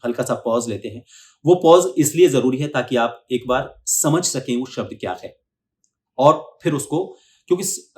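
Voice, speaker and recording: A man of middle pitch leads a pronunciation lesson. He says each difficult word slowly several times, pulling the syllables apart. His explanations are calm and instructive, with light fillers. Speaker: speech coach and channel host. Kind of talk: pronunciation lesson with slow, drawn-out example words.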